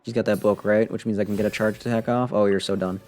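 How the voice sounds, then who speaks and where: Talking to himself and the game, a male streamer delivers casual, wryly grumbling commentary over soft game music. He speaks quickly in a steady tone, his voice on the low side and slightly mellow.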